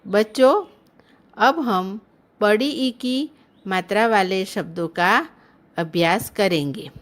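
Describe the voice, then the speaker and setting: A woman teaching children in an online lesson, sounding out words syllable by syllable in a gentle, explaining tone. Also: medium pitch. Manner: drawn-out, careful syllable-by-syllable pronunciation. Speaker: primary school teacher.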